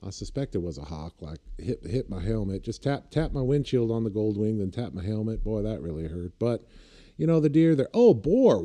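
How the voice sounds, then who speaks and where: A man with a low voice and a very dark, mellow tone talks casually. He rambles through his stories in a relaxed way and laughs at them as he goes. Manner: rambling storyteller, laughs at his own anecdotes. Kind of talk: casual chat.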